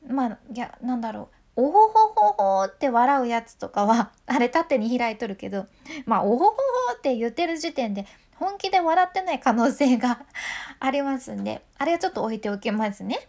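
A woman's voice: fairly high pitch, lively intonation, fairly quick, a little mellow. A woman with a Fukuoka accent giving a chatty, playful voice lesson and acting out example voices. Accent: Fukuoka dialect of Japanese. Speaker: voice coach. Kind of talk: friendly voice lesson.

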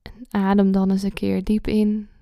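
A woman leading a guided meditation slowly and soothingly, close to the ear, her soft voice sinking into a breathy whisper at phrase ends. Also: mid-range voice, monotone, no echo. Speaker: podcast host.

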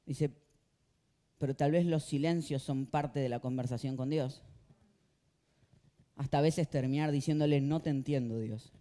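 A male pastor with a Rioplatense Spanish accent, preaching a sermon with passion and swinging between quiet talk and loud outbursts. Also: on the high side. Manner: impassioned, swings from quiet to shouting.

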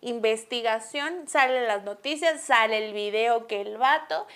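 A young woman with a Mexican accent and a high, bright speaking voice. She chats casually with a friend, full of slang and quick laughter, and now and then reads listener stories aloud. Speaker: podcast co-host. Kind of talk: casual chat.

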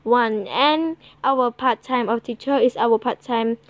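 Woman, fairly high voice, slow halting presenter, stumbling over words, muffled lo-fi recording. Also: no room sound. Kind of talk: prepared presentation.

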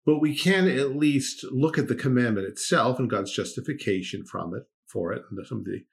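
A man co-hosting a conversational podcast, speaking at a mid pitch. He slips into dry sarcasm, laughs in the middle of his sentences and often restarts his thoughts. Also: moderate pace, vocal fry. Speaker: podcast co-host. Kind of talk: casual podcast discussion.

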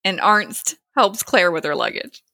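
A woman's voice: medium pitch, lively intonation, measured pace, pushed and bright, no room sound, clean studio sound. A woman casually recapping a TV episode, storytelling with giggles and hummed cues.

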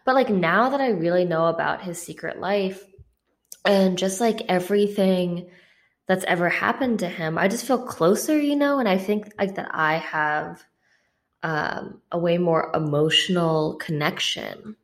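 Woman, lowish voice, chatty filler-heavy talk, podcast co-host, echoey bare room. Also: measured pace. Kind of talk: casual book podcast chat. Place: bare-walled apartment before moving out.

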